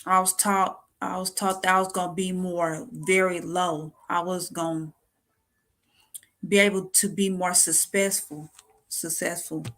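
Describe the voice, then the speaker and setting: A young woman talking about her own life in a personal vlog, halting and repeating herself, close to tears. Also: lowish voice, level tone, a bit bright. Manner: halting, repeats words, emotional. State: near tears. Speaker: vlogger.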